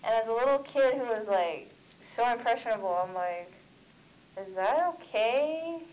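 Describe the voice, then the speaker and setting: A woman's voice: on the high side, animated, moderate pace, a little mellow, low-quality recording. A woman comic creator telling a personal story in a candid way on a convention panel.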